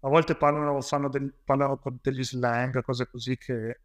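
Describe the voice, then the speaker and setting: A man's voice: mid-range voice, little pitch movement, normal speed, no echo. A man from Italy, a police officer, telling his story as an interview guest in a rambling way with many fillers and restarts.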